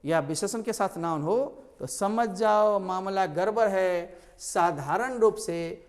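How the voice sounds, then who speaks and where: A man teaching an English grammar lesson to a class, explaining slowly and repeating words with stress. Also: high voice, long reverb tail.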